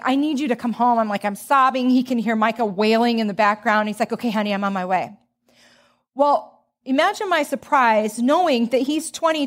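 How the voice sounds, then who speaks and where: A woman in her thirties giving a candid, conversational storytelling talk to women, self-deprecating and open. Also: sits high. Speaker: speaker.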